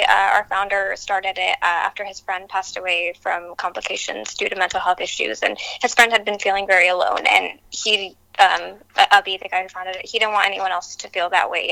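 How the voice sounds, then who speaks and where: A woman's voice: mid-range voice, creaky, bright, forceful tone, low-quality recording. A woman talking as a guest on a podcast, upbeat and chatty, laughing easily. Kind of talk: casual chat.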